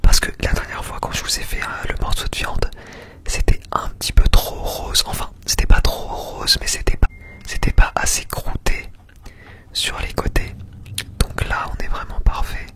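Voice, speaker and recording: A man whispering very close, right in the ear, as he narrates a food ASMR video, often repeating words and phrases for emphasis. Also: moderate pace.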